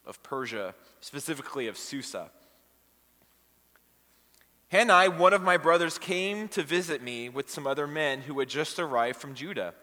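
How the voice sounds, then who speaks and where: A man's voice: mid-range voice, pushed and bright. A man preaching a casual, conversational sermon to a congregation and asking them questions as he goes. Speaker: pastor. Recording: long hall reverb.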